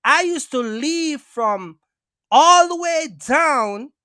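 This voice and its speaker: This trucking vlogger, who owns and operates a box truck, speaks slowly in a very high-pitched, pushed, bright voice with lively intonation. His storytelling is casual, emphatic, and streetwise, full of repetition and direct address, captured in a clean studio with no echo.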